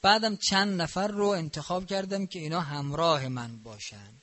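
A man's voice: fairly high pitch, bright, forceful tone. A man preaching a sermon, telling stories in a conversational way and scolding with emphatic rhetorical questions. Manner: conversational, anecdotal narration. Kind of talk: sermon with storytelling.

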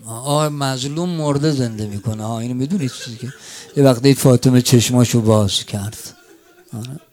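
Preacher, swinging loud to hushed. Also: male voice, mid-range voice. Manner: swings between loud cries and hushed near-whispers, tearful chant. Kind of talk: mourning sermon.

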